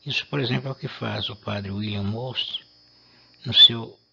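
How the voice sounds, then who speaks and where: A man, explaining a lesson in a measured way and pausing to rephrase himself. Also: lowish voice, fairly even intonation, vocal fry, dull audio, very noisy. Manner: measured, with restarts and fillers. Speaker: Latin teacher.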